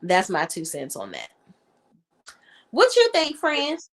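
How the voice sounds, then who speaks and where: With huge pitch swings and a slow pace, a drawling woman chats casually as co-host of a reality TV opinion panel. She's colloquial and talkative, and she acts out quotes in a lowered voice.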